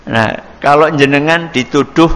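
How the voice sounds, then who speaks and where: A male preacher giving a religious study lecture, slow and deliberate, often posing rhetorical questions. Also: on the high side, fairly bright tone. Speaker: Islamic preacher. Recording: long hall reverb.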